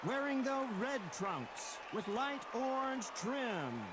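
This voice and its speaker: A man playing a boxing ring announcer giving slow, formal, drawn-out introductions. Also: very high-pitched, very animated, a loud crowd, heavy background noise, exaggerated voice. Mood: ceremonial.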